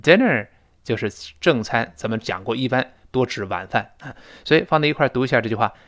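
A man's voice: medium pitch, a little fast. Man drilling English phrases. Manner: explains pronunciation in Mandarin with lively stress. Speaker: English teacher. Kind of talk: spoken English lesson.

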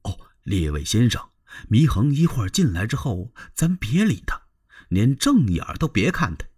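A man telling a traditional story, voicing a composed, stern male court advisor who speaks in a commanding, measured way. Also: medium pitch, sing-song, a little mellow, breathy edge. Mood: hushed.

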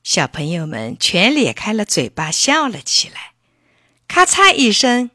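A woman reading a children's story aloud in an animated, expressive way. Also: mid-range voice, measured pace, no echo, studio quality.

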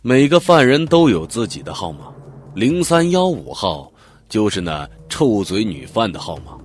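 A man's voice: sits low, sing-song, a little slow, a little mellow. A man narrating a dramatic audiobook, telling the story vividly and expressively. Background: faint background music.

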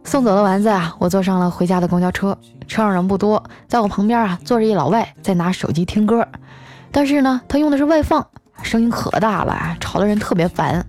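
A podcast host tells comic stories in a lively, chatty way, acting out the voices of people she quotes. Her medium-pitched voice moves briskly over soft background music.

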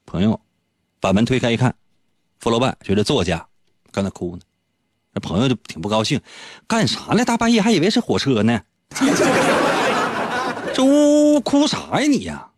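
A male radio host, telling a story on air in a playful, teasing way and often leaping into a high, excited pitch. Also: fairly quick, pauses often, slight background noise. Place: radio studio.

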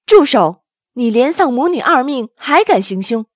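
A woman voicing a stern but gentle old monk master who chides slowly and gravely. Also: medium pitch, big pitch swings, no room sound, clean studio sound. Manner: slow, grave and chiding.

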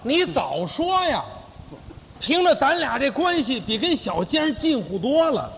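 A man's voice: extremely high pitch, very animated, unhurried, in a large hall, a little hiss or hum, exaggerated voice. A male crosstalk comedian, playing a smug, self-important fixer who boasts of connections and bosses his partner around. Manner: blustering, bossy, talks down to his partner.

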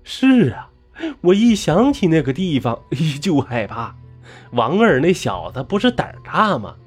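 A man's voice: a little high, very animated, a little slow, husky, soft background music, voice pushed up, exaggerated voice. A man voicing a timid young male farmhand who stammers and whines for help. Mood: frightened. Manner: stammering, whining.

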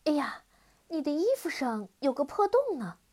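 A woman voicing a brave, clever girl in a children's storybook reading, speaking boldly and loudly. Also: sits high, very animated, moderate pace, pitched above the performer's own voice. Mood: teasing. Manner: bold, clever, raised voice.

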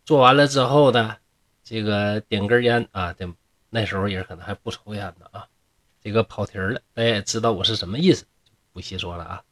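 A man's voice: on the low side, brisk, fairly bright tone. A man with a Northeastern Chinese accent telling a classic tale in a humorous way, with chatty jokes and asides to the listeners. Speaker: storyteller.

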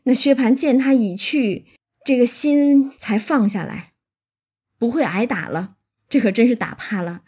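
Woman storyteller, husky and mellow, casual retelling with lively commentary. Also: a little high, measured pace. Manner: lively, chatty asides to the listener. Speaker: storyteller and commentator on a classic novel.

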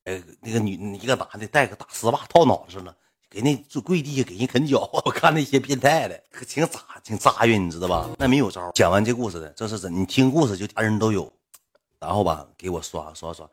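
A man's voice: on the low side, expressive, fast talker, slightly rough. A livestreamer man telling a rambling personal story in blunt, earthy slang. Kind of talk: casual storytelling.

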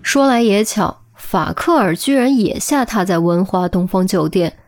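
A woman reads a serialized web novel aloud. She narrates in a steady, even storytelling manner, keeping a mid-range pitch. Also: unhurried, dry recording, studio quality. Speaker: audiobook narrator.

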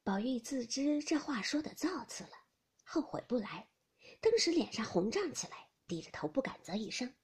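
A woman reading a classic novel aloud, expressive, often dropping into a breathy whisper. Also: sits high, moderate pace. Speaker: audiobook reader.

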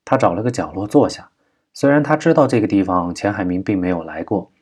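A man narrating a crime novel audiobook at a steady, measured pace. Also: lowish voice, husky.

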